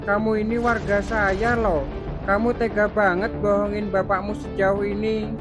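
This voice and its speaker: A woman's voice: medium pitch, level tone, a little slow, lightly acted. A woman voicing a nosy, chatty neighborhood chief who talks with incredulous fuss, over music. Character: fussy nosy neighborhood chief, middle-aged man. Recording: clear music bed behind voice.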